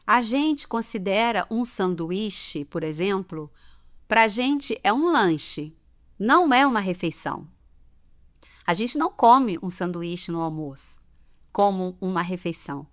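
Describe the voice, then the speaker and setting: Expressive and unhurried, this Brazilian woman's mid-range voice has a Brazilian Portuguese accent. A language teacher, she leads a chatty podcast lesson about everyday customs, leaning on examples and frequent "tá?" check-ins.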